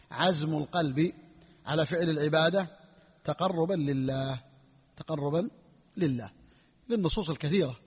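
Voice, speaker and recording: A man teaching a lesson on Islamic jurisprudence, repeating key phrases and often asking his students whether it is clear. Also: fairly high pitch. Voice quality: husky, clears throat often. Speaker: sheikh teaching Hanbali jurisprudence. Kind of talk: classroom lesson explaining a fiqh text. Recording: dull recording with long hall reverb.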